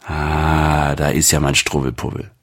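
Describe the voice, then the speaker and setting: A man voicing a kind, patient shepherd who speaks gently and reassuringly to his lamb in a children's story. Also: extremely low pitch, flat delivery, a little slow. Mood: gentle, forgiving. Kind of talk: storybook reading.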